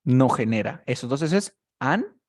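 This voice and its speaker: A man teaching a one-on-one English lesson on a video call, explaining patiently in Spanish, modeling each sound slowly and checking often that his student follows. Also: mid-range voice, animated.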